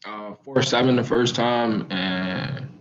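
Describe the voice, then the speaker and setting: A teenage high school football player from Maryland giving brief, hesitant interview answers with many "um"s and a polite "yes, sir". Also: male voice, slow pace, dull audio. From Maryland, USA. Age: teens.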